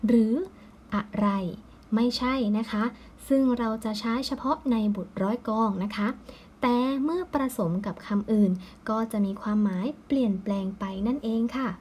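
A woman teacher giving a patient, slow recorded lesson, ending her phrases with polite particles. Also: fairly high pitch, mellow, slight background noise.

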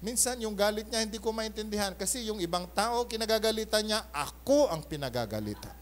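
A male pastor preaching a Sunday sermon in mixed Tagalog and English, animated, often calling for an amen and shifting between loud bursts and soft asides. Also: high voice, fairly quick, slight background noise. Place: church.

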